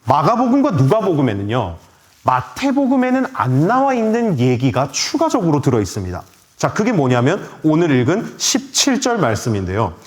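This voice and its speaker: A man's voice: wildly swooping pitch, moderate pace. A male pastor preaching a sermon in a church, asking the congregation questions and answering them himself. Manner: acts out quoted voices with big pitch swings. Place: church sanctuary.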